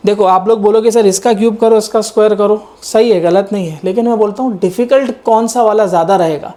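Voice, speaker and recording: A male maths teacher with a high, dark-toned voice talks fast through an exam-prep lecture. He goes step by step, keeps throwing rhetorical questions at the students, and slips English maths terms into his explanation.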